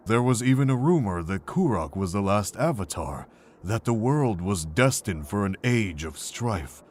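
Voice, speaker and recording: In a fan visual novel, a man voices a weary, kindly older monk who tells things in a measured, earnest way. His voice sits low and is a little mellow, with slight background noise.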